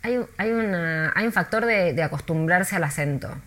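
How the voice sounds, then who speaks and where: An Argentine woman who works as a tour guide, chatting in an interview with lively, storytelling delivery and many restarts. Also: on the low side, moderate pace. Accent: Argentine Spanish.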